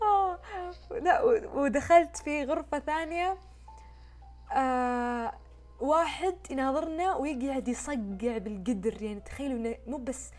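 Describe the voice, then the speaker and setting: A woman, telling a story in a casual, expressive, chatty way. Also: high-pitched, moderate pace. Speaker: vlogger.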